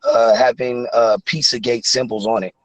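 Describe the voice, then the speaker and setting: A man's voice: medium pitch, flat delivery, normal speed, no room sound, highs cut off. A man in his thirties calling in to a talk show, speaking earnestly and rambling with many fillers. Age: 30s. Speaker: caller. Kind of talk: casual call-in chat.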